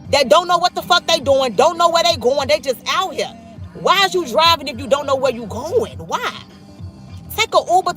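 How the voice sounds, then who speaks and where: With a high, fairly bright voice, a thirtysomething Chicago woman drives while streaming live. She swears freely, speaks bluntly in her Chicago accent, and reads her viewers' comments aloud.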